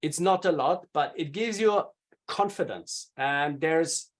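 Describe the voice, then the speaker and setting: A fairly high-pitched man talks as a video presentation coach in an interview. He is energetic and emphatic, his loudness rising and falling as he stresses his points. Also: takes it slowly. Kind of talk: conversational interview answers.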